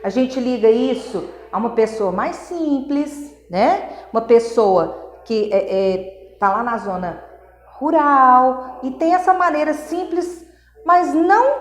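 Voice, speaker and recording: A woman teacher with a fairly high, very lively voice walks through a grammar lesson, stopping often to check that her students follow. She sounds words out slowly, one syllable at a time. The room gives her voice a clear echo. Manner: explains patiently, checks in with "tá?" and "ok?". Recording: echoey room.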